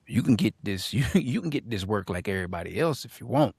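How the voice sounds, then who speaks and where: A man's voice: lowish voice, very animated, fast talker, vocal fry, darkish tone, breathy edge, no room sound, studio quality. A man co-hosting a casual podcast panel, talking emphatically, repeating lines for punch and reading viewer comments aloud. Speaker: podcast co-host.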